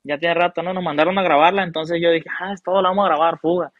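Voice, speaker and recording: Young male musician, higher voice, dry sound, loose slangy chat. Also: fast, dry recording, phone-quality sound. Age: young adult. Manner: relaxed, slangy storytelling with many fillers. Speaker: guest musician. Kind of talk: casual interview chat.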